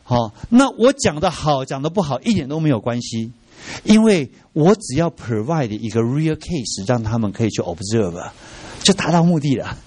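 A middle-aged man teaching a church training class, lively and often asking his listeners rhetorical questions, with English words mixed into his speech. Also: mid-range voice, normal speed, slightly rough, no room sound.

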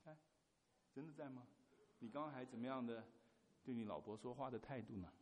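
A man's voice: mid-range voice, fairly quick, in a large hall. A man preaching a sermon, telling a story and putting questions straight to his congregation. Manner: asks the congregation questions directly.

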